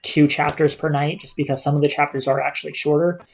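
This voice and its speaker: A man's voice: fairly high pitch, little pitch movement, fast, gravelly. A man giving casual live gameplay commentary as a streamer, indoors over game audio. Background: game music.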